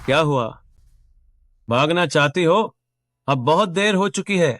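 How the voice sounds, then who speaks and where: An actor playing a cold, ruthless young rich heir in a dubbed drama, speaking with menace and contempt. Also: male voice, fairly high pitch, a little slow, fairly bright tone, soft background music. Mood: menacing. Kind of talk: Hindi dub of a short drama.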